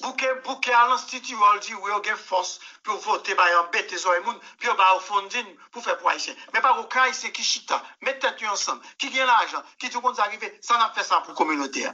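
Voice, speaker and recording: A musician guest with a Haitian Creole accent answers interview questions in a high, very bright, piercing voice. He talks emphatically and briskly with hardly any pauses, doubling words and telling anecdotes in which he acts out what others said. The broadcast audio is somewhat dull and lo-fi.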